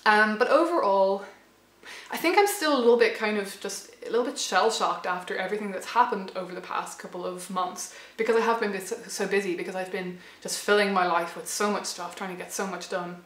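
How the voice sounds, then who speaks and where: A woman's voice: medium pitch, fairly quick, fairly bright tone, echoey room. A woman around thirty talking in a thoughtful, hesitant way, with many restarts, her voice a little worn. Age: late 20s to 30. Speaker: channel host. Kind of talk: reflective personal vlog.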